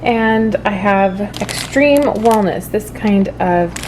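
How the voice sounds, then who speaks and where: Female home-cooking vlogger, mid-pitched, informal and explanatory, some household noise behind her. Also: slow pace, a little mellow, rough recording. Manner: informal, explanatory, loosely improvised. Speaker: vlog host showing home cooking. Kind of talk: casual cooking vlog chat to viewers. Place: home kitchen.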